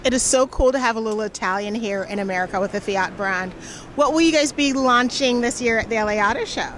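A bubbly, excitable woman hosting an interview on a busy indoor show floor with a handheld mic. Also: a little high, fast talker, slight background noise. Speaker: host and interviewer. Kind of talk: enthusiastic auto show interview.

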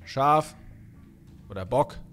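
A man casually commenting on a horror game as he plays, excitable and joking, bantering in slang with an in-game baby. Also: mid-range voice, slow pace, soft background music. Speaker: gaming YouTuber. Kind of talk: casual let's-play commentary.

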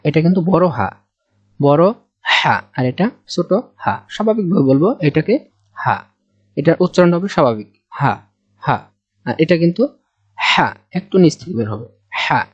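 A Bangladeshi Bengali-accented man teaching Quran letters slowly and patiently, sounding out each letter several times for learners. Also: fairly high pitch, expressive, husky, dry recording. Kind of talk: slow step-by-step letter lesson. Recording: dull dry close recording.

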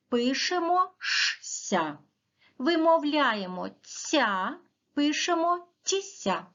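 A woman teacher from Ukraine giving a recorded video lesson to children, speaking clearly and slowly and stressing word endings. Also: high-pitched. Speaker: primary school teacher. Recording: dull, muffled lo-fi audio.

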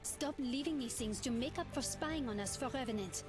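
High-voiced, hurt young woman played by an actress. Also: moderate pace, lightly acted. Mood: guarded. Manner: emotional, pleading, accusing. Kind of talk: video game character acting. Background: music.

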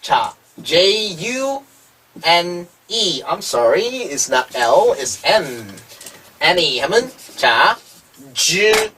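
A man teaches phonics in a slow, drawn-out way, breaking each word into its sounds. His voice sits high and swings widely in pitch. It has a slightly husky grain and sounds a little distant from the microphone. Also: big pitch swings, sharp tone. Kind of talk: online language lesson.

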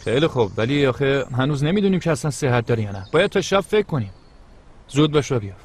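A man's voice: medium pitch, very animated, breathy edge. A man dubbing a bossy but caring young man friend in a TV comedy drama, chatty and brotherly. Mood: urging.

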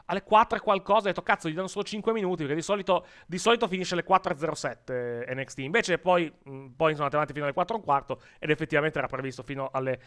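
A man's voice: a little high, racing, few pauses, a bit bright, clean tone. A man co-hosting a casual live wrestling post-show chat, rambling and repeating words, often laughing, with an Italian accent.

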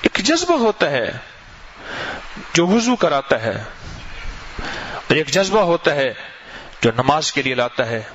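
Lively man preaching a sermon. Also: pauses often. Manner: storytelling with lively swings in pitch. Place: mosque gathering. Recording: dull lo-fi recording with faint noise.

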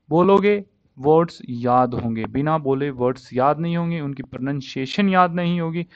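A man's voice: on the high side, clear, resonant tone, no room sound. Man drilling pronunciation, dull dry sound. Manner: repeats words over and over, drilling pronunciation; mixes Hindi and English. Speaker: vocabulary teacher. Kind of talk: casual spoken lesson on word pronunciation.

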